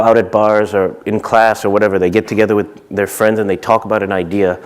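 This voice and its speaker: A man in his thirties, from Zimbabwe, giving a casual conference talk on stage with many fillers and restarts. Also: on the low side. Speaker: conference speaker.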